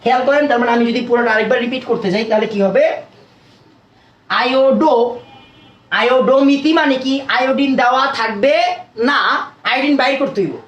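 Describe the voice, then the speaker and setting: A young male chemistry teacher runs a live online class. He rattles along at a brisk clip, keeps checking in with questions to his students, and his voice sounds a little roomy. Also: extremely high pitch, a bit bright, muffled recording. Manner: quick, chatty, keeps prompting students with questions. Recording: roomy echo.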